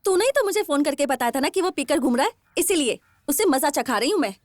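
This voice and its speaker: A woman's voice: sits high, animated, fast, dry recording, studio quality. A stubborn young girlfriend. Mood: spiteful. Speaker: dub actor. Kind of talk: Hindi film dubbing. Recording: film soundtrack with music.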